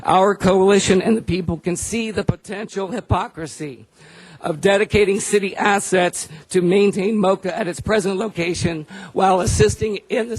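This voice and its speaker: A man giving formal, measured public comment at a council meeting, his voice weak with post-nasal drip. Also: high-pitched, no echo, low-quality recording.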